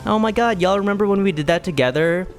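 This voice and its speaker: A man with a high voice talks fast while streaming a video game. His commentary is casual and playful, rambling and reacting as he goes.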